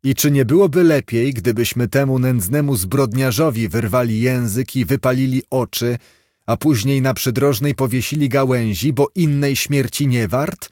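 A man's voice: medium pitch, moderate pace, darkish tone, no room sound, clean studio sound, lightly acted. A man voicing a harsh, merciless knight who fiercely urges cruel revenge. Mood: vengeful. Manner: vengeful, fierce.

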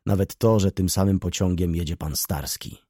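A man voicing a mocking, know-it-all older doctor who speaks in sardonic quips and laughs loudly. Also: sits low, moderate pace, slightly rough, no echo, clean studio sound.

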